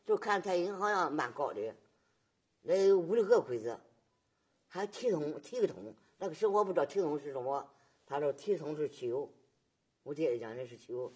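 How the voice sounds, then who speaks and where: An elderly woman in her eighties from Nanjing, China, gives oral history testimony as a survivor, her voice low, husky, expressive, and slightly mellow. Her storytelling is halting and repetitive, with frequent tag questions.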